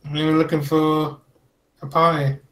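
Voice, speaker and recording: A man's voice: a little high, flat delivery, measured pace, a bit bright. A man playing his character in a tabletop roleplaying game, speaking in a matter-of-fact way. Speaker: player.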